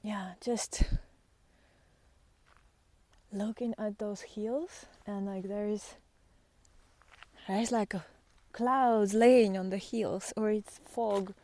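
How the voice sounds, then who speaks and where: A spiritual vlogger and guide walks through nature, speaking slowly in a soft, mellow voice of average pitch for a woman with fairly even intonation. Her unscripted, reflective talk comes in halting phrases that often sink to a breathy near-whisper.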